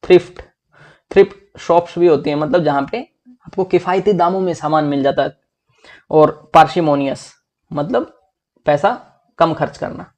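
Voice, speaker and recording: A young man teaching English vocabulary for exams in a lively, chatty way, often calling his listeners "bhai". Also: fairly high pitch, normal speed, pauses often. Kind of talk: exam-prep vocabulary lesson.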